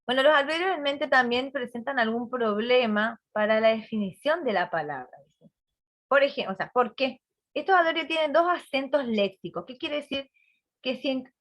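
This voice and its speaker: A woman's voice: fairly high pitch, fairly bright tone. A woman teacher giving an online class on a video call, chatty, repeating words and quizzing her students.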